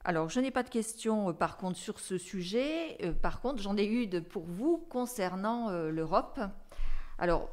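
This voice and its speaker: A woman's voice: mid-range voice, animated, a little slow. A woman co-hosting a talk show, asking the host questions and adding brief, light remarks.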